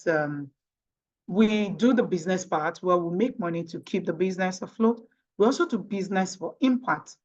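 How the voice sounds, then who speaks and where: A Yoruba-speaking woman from Nigeria, a tech professional with a Nigerian accent, is a guest in an interview, replying emphatically and asking rhetorical questions. Her fairly low voice comes through with lo-fi sound.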